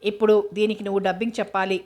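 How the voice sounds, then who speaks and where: A woman's voice: medium pitch, level tone, very fast, darkish tone, natural voice. A woman reading as a curt, serious young man. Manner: irritated, terse.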